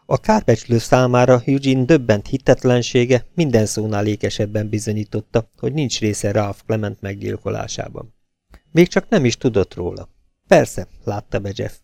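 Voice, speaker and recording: A male audiobook narrator reading a crime novel at a steady, measured pace. His mid-range voice has a gravelly texture. The recording is dry and close, with no room sound. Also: medium pitch, no room sound. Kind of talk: novel read aloud.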